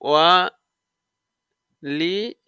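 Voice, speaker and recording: A man teaching tajweed, spelling out letters and rules step by step and drawing out the recited words slowly, with a Bangladeshi Bengali accent. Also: a little high, bright, forceful tone, smooth, no echo. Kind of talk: tajweed lesson with slow recitation.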